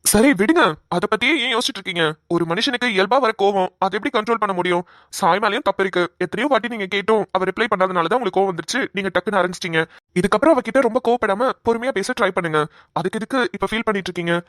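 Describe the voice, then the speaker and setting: A woman voicing a calm young man in a cartoon who gives soothing advice to a friend. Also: mid-range voice, racing, dry recording, studio quality, natural voice. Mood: reassuring. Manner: soothing, advising. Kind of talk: cartoon voice acting.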